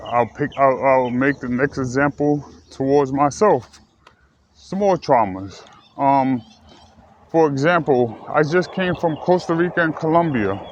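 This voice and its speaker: A man from the United States talking casually and earnestly to his viewers, rambling and correcting himself as he goes. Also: mid-range voice. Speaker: vlogger. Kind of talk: casual personal talk to camera. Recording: slightly dull lo-fi recording with faint ambient noise.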